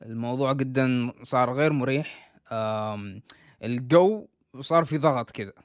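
A man's voice: medium pitch, moderate pace, no room sound, studio quality. A man telling a story in a casual, chatty way, restarting sentences and dropping English words in.

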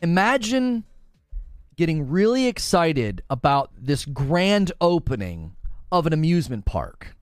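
Animated, high-voiced male streamer. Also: measured pace, smooth, no echo, clean studio sound, faint music behind. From Northern Ohio, USA. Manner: playful, laughing, teasing chat. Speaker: gaming streamer. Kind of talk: live stream chat banter.

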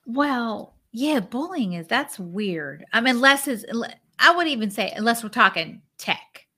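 A woman's voice: fairly high pitch, lively intonation, unhurried, sharp tone, breathy edge. A woman in her forties co-hosting a casual podcast chat, reading from notes and rambling into anecdotes with many restarts. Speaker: podcast co-host.

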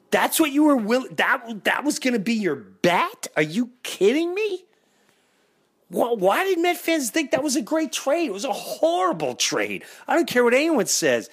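A middle-aged man hosting a baseball fan show, in an escalating comedy rant, indignant and incredulous, firing off rhetorical questions. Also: extremely high pitch.

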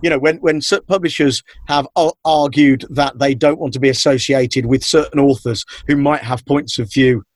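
A man who is a writer and comedian gives opinions in an interview clip, halting and restarting often. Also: medium pitch, fairly even intonation, no echo, clean studio sound.

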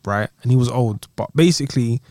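A man's voice: medium pitch, a little fast, dark tone, no echo. A man with a London roadman accent talking casually to friends, insistent and repeating his phrases. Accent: London roadman, urban slang. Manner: insistent, repetitive. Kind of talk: casual anecdote among friends.

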